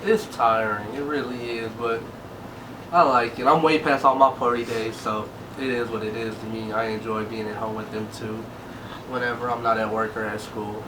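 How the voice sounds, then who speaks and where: A twenty-year-old man talks in a laid-back, slangy way during a vlog Q&A, his voice at an ordinary pitch for a man. He sits some distance from the mic, with a clear layer of background noise around him. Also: fairly even intonation, normal speed. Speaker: vlog co-host. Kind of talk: casual Q&A chat.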